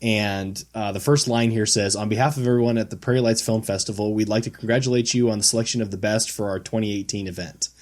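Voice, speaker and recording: A man co-hosting a podcast in a basement studio, telling stories in a lively, self-mocking way. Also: fairly low pitch, quick pace, hardly any pauses. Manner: animated storyteller, self-mocking. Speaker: podcast co-host. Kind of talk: casual podcast chat.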